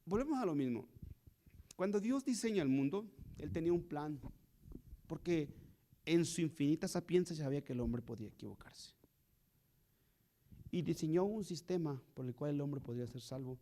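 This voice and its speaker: A man's voice: fairly high pitch, normal speed, pauses often, dark tone. A man preaching a sermon to his congregation, telling a story and asking rising rhetorical questions. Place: church.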